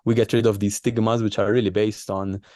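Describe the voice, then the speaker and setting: Male doctor as interview guest. Low-pitched, dry recording, hesitant, conversational explainer. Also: level tone, a little mellow, dry recording. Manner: halting, hesitant phrasing with repeated words. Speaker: doctor and researcher being interviewed.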